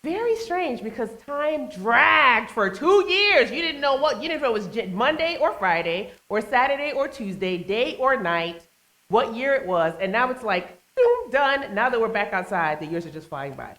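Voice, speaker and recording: A woman's voice: fairly high pitch, expressive, moderate pace, a bit bright. A woman hosting a live talk show on a small stage, chatting playfully and teasing the audience. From United States, family from Trinidad and Tobago.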